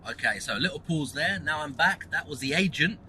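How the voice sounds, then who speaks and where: A man's voice: a little high, animated, brisk, pushed and bright, a little hiss or hum, rough recording. A man, a property investor hosting his own channel, gives a casual teaching monologue. He talks emphatically, repeats phrases and keeps asking rhetorical questions.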